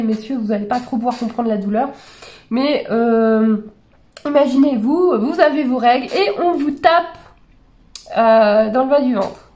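A woman in her forties who hosts a horse channel reacts to videos in casual commentary, speaking straight into a desk webcam in a small bedroom with a gaming chair. Her voice is fairly high, slightly hoarse and darkish in tone. She sounds exasperated and incredulous, with plenty of fillers and restarts.

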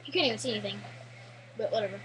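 A woman's voice: medium pitch, rapid-fire, fairly bright tone, slight background noise, low-quality recording. A teenage girl giving casual, rambling, jokey gameplay commentary full of "like" and restarts.

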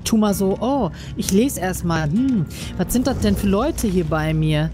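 A chatty woman jokes and tells stories while she plays online with friends. Her pitch swings widely, and clear game music plays underneath. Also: a little slow. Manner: chatty, giggly, lively storytelling. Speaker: gamer playing online with friends. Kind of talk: casual let's-play chat.

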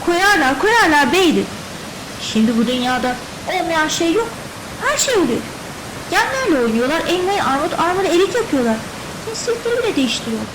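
A woman voicing a lively, knowing farmer's wife who speaks excitedly and with emphasis. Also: a little high, fast, hardly any pauses, background noise.

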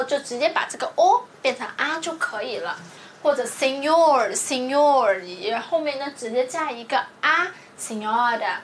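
A woman's voice: high-pitched, fairly bright tone, a little hiss or hum. A woman teacher reviewing a language lesson, explaining step by step and often checking with her students. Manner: explains slowly, checks with "对不对". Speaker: Portuguese teacher.

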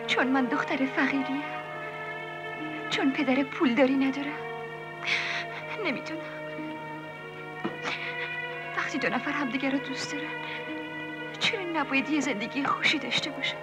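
A woman's voice: high voice, pauses often, close to an everyday voice. A woman playing a poor young village woman in a dubbed 1970s film, pleading and emotional, with film music behind.

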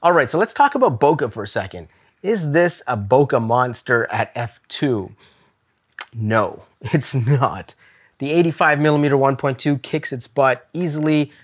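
A man talking casually to camera in a gear review vlog, candid and chatty, laughing now and then. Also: mid-range voice. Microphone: camera-mounted shot on a zoom lens.

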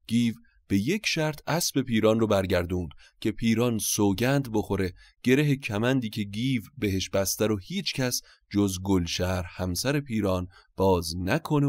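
A man retelling an epic tale in lively, dramatic colloquial prose. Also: on the low side, few pauses, no room sound, studio quality. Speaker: storyteller.

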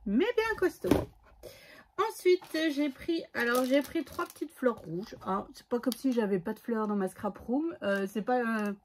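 A woman's voice: on the high side, normal speed, few pauses, slight background noise. A woman with a son, chatting casually and hesitantly through a scrapbooking haul with many fillers. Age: adult, has a son. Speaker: scrapbooking vlogger.

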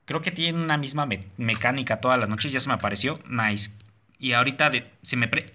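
A young man commenting nervously on a horror game, swearing, yelping and talking himself calm. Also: mid-range voice, fairly quick. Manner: nervous, jumpy, swears and yelps. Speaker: gaming streamer.

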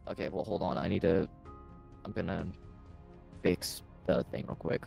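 A man's voice: deep voice, steady tone, moderate pace, gravelly, dark tone, faint music behind. A man busy in a game, talking over glitching, warbling voice-chat audio and repeating himself. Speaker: gaming co-op partner. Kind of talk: casual chat while gaming.

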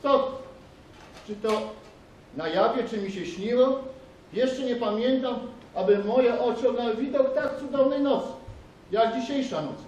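A man playing a startled young shepherd in a school nativity play, declaiming rhymed verse with excitement. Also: very high voice, a little slow. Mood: awestruck. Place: school stage, indoors. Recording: echoey hall, distant mic, faint noise.

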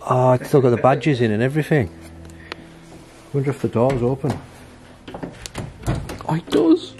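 Over music, a mid-range male voice at a moderate pace belongs to an English urban explorer in his thirties. Walking through an abandoned house, he talks casually and bursts into excited, awestruck remarks, captured by his handheld camera mic.

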